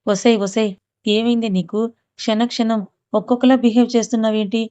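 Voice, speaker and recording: A doting young husband who coaxes his wife with affectionate words, put on by a woman narrator. The voice is mellow and fairly even in pitch. The recording is dull and lo-fi. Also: fairly quick, natural voice. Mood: coaxing. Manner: coaxing, affectionate. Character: doting young husband, patient but short-fused.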